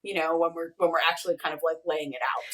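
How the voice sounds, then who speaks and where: Heard from afar over a video call, a woman speaks quickly in a low voice with fairly even intonation and a fairly bright tone. She's an interview guest, a podcast co-creator and showrunner, rambling casually through her explanations and adding emphatic asides.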